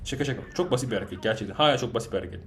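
A man giving live gameplay commentary, answering chat questions and ranting in frustration at his teammates, swinging between loud outbursts and low muttering. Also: lively intonation, racing, a little hiss or hum. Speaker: gaming channel host.

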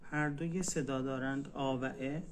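A man teaching a language in a casual live stream, patiently repeating words slowly. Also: mid-range voice, fairly even intonation, a little hiss or hum.

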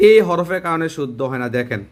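A man's voice: a little high, fast talker, a little mellow. A man teaching Quran letter pronunciation, drilling syllables one by one and asking his students whether they follow. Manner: patient, drills letters syllable by syllable and checks understanding. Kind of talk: slow classroom-style recitation lesson.

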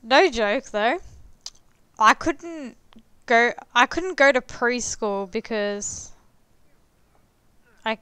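A woman's voice: fairly high pitch, expressive, drawn-out words, pauses often, pushed and bright, clean tone, no echo. A young woman, chatting blunt and crude as she plays a life-sim game, swearing and laughing freely. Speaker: gaming streamer. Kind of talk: casual gameplay commentary.

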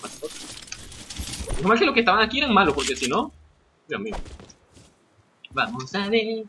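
A man with a Venezuelan accent giving excitable live game commentary, yelping, swearing and talking to himself. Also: high-pitched, moderate pace, background noise. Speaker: gamer.

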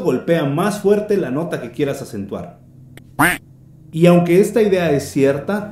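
A man's voice: medium pitch, dark tone. A man teaching percussion in a scripted video lesson, explaining step by step and speaking straight to the viewer. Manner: explanatory, addresses viewer directly. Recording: roomy echo, faint music behind.

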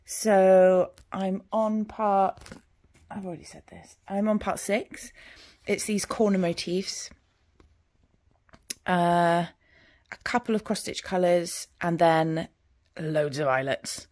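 A woman's voice: medium pitch, fairly even intonation, slow pace, a little mellow, dry recording. Woman in her forties, home crafting vlogger: chatty, rambling, mid-range voice, dry close sound, sinks to near-whispers while counting. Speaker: cross-stitch vlogger. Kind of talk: casual progress update. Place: home, at her stitching frame.

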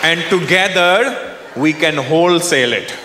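A man voicing a shrewd Indian worker who calmly proposes a deal, with an Indian accent, in an echoey hall with a laughing crowd. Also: fairly high pitch, a little slow, heavy background noise, lightly acted. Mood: scheming. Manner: calm, persuasive, dealmaking.

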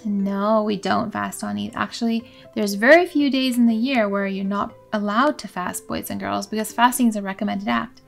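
A woman's voice: medium pitch, moderate pace, vocal fry, few pauses, faint music behind. A woman in her thirties presenting an educational children's show as host and teacher, encouraging and explanatory. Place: small room indoors.

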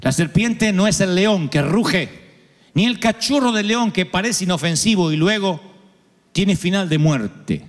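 A man with an Argentine accent preaching a humorous sermon, acting out quoted voices and breaking into sudden shouts. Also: high-pitched, animated, a little slow, in a large hall. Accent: Argentine Spanish. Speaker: pastor.

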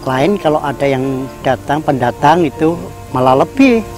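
A man's voice: a little high, animated, normal speed, rough recording. An older man, a village elder, answering interview questions plainly and agreeably, with hesitant fillers, outdoors on a porch. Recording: music playing under the voice.

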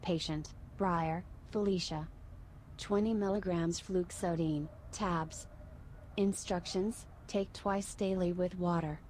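A flat synthetic phone assistant from a video game, reading out slowly. It sits a little low, with clear noise around it. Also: female voice, poor audio. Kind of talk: synthetic read-out.

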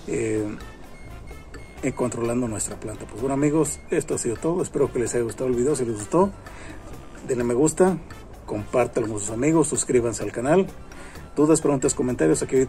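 A man in his thirties talks his viewers through a gardening task in an outdoor garden, close to the camera. His voice is mellow and mid-pitched, and he repeats himself often, with lots of fillers. Faint music plays underneath. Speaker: gardening channel host. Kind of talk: casual gardening tutorial. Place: outdoor garden among plants.

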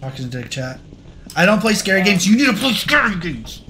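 A man's voice: high-pitched, fairly quick. A young man streaming a horror game with friends, chatting casually to his viewers. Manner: excitable, laughing, talks to chat. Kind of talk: casual gaming chat.

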